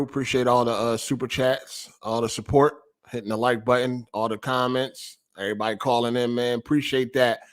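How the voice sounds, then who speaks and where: A man's voice: medium pitch, a bit bright. A man hosting a casual gaming podcast, pushy and slangy as he presses for answers and thanks the listeners. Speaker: podcast host.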